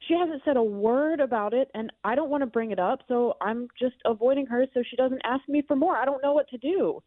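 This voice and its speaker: On a morning radio show, a woman's call plays over speakerphone with a tinny phone sound; she talks about an awkward situation with a friend, clearly reluctant and uneasy. She speaks a little fast in a high-sitting voice, and there's no echo.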